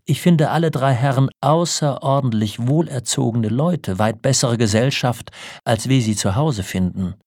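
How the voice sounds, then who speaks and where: A woman's voice: on the low side, flat delivery, normal speed, hardly any pauses, darkish tone, smooth, dry recording, studio quality, voice pushed up, lightly acted. A man voicing a haughty, cold wealthy wife in an audiobook, speaking in an indignant, aloof way.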